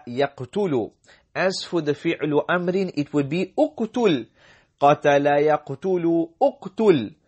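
A man's voice: fairly high pitch, darkish tone. A man teaching an Arabic lesson. He reads each sentence, translates it, and explains the grammar, repeating words with care. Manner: slow, careful delivery that repeats each word. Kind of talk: language lesson.

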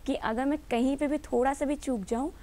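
A woman's voice: high-pitched, steady tone, fairly quick, dark tone. A woman answering interview questions as an actress and entrepreneur, earnest and matter-of-fact.

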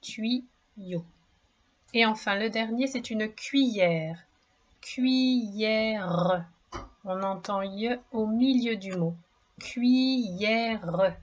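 A woman's voice: mid-range voice, unhurried, few pauses, muffled recording. A woman teaching a children's reading lesson, speaking patiently and encouragingly and stretching out each word and syllable. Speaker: primary school reading teacher. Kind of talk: slow, clearly articulated reading lesson for young children.

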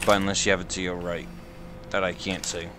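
A fairly low male voice coming through game voice chat, firing off quick, urgent callouts to a teammate. Gunfire and game sounds come through clearly behind him. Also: flat delivery, background noise.

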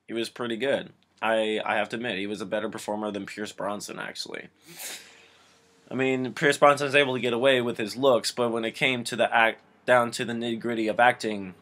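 A man's voice: medium pitch, fairly bright tone. A young man reviewing a film casually, rambling and sarcastic with many restarts.

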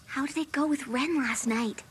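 A woman voicing a naive, excitable girlish young woman, bubbly and exclaiming in an overacted English anime dub. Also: high-pitched, normal speed, natural voice. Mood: curious, hesitant.

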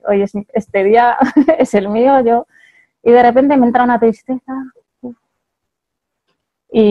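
Gravelly-voiced woman with a Spain Spanish accent. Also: fairly high pitch, muffled recording. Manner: chatty, laughs often, checks in with "¿vale?". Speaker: speaker giving a talk. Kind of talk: motivational talk to an audience.

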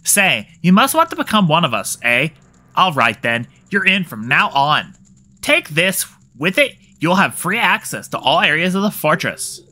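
A man's voice: on the high side, big pitch swings, moderate pace, sharp tone, full character voice. A man voicing a proud female thief guard in a video game with a mock Valley Girl manner. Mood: haughty.

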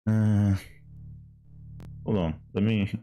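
A man's voice: on the low side, steady tone, drawn-out words, warm tone, soft background music. A man streaming a game in casual chat, hesitant with many fillers and restarts.

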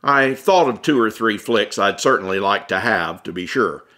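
The voice belongs to a man from Atlanta, United States, reading his memoir for audiobook in a wry, conversational way. It sits on the low side, with lively intonation, a sharp tone and a normal speed, all in scripted first-person memoir narration.

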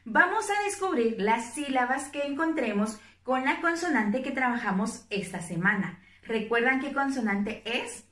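A woman teaching young children a phonics lesson, speaking slowly in an encouraging, sing-song way and drawing out each syllable. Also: a little high, fairly bright tone, recorded from a distance. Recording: roomy echo, a bit off-mic.

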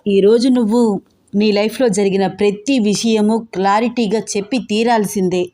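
A woman's voice: medium pitch, fairly even intonation, mellow, lightly acted. A woman voicing a firm, insistent female assistant in a storybook reading. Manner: insistent, brisk.

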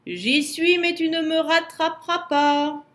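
A woman voicing a teasing, elusive male yeti in a storybook, calling loudly from afar. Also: very high-pitched, steady tone, takes it slowly, pitched above the performer's own voice. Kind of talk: storybook reading.

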